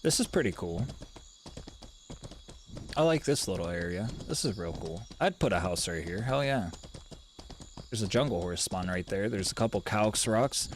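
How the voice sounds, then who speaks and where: A man's voice: on the low side, lively intonation, moderate pace, long pauses, slight background noise. A man streaming a game live, talking in a laid-back, rambling way and swearing casually.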